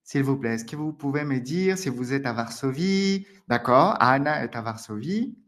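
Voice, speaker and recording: A man's voice: medium pitch, lively intonation, moderate pace, fairly bright tone. A French man teaching a live online lesson, friendly and laughing often, with a French accent. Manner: friendly, laughs often, many "d'accord?" and "alors". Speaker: French teacher hosting a webinar.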